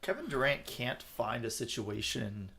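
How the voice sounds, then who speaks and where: A man's voice: mid-range voice, very animated, a little slow, creaky, pushed and bright, slight background noise. A man co-hosting a casual sports podcast, dropping wry joking asides. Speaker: podcast co-host.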